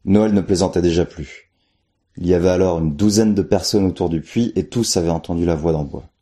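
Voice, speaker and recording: Brief: male storyteller, deep-ish, warm dark tone, measured narration. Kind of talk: first-person folk tale narration.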